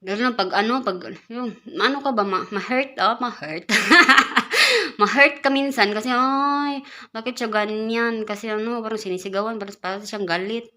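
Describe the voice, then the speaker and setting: Casting note: woman from the Philippines, caretaker vlogger, bright voice, chatty and easygoing, stumbles and restarts words. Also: medium pitch, a little fast. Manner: chatty, repeats and restarts words, laughs often. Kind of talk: casual vlog talk.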